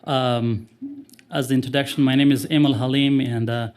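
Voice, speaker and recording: A man's voice: medium pitch, fairly even intonation, moderate pace, darkish tone. A man from Afghanistan, a former interpreter giving earnest public remarks at a city council meeting. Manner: earnest, grammar slips, fervent.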